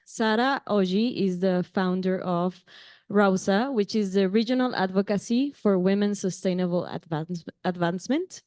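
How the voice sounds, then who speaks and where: At a conference venue, a Mexican woman whose first language is Spanish runs a panel in English, her Mexican Spanish accent clear. Warm and friendly, she laughs lightly and often says um or restarts sentences. Her mid-range voice moves at a moderate pace, captured in clean studio sound without any room ambience.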